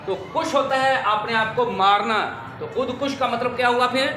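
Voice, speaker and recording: High, bright-voiced teacher drilling pronunciation. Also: male voice, soft background music. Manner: slow, drills correct and wrong forms, addresses dear children. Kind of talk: classroom pronunciation lesson. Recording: echoey room with faint ambience.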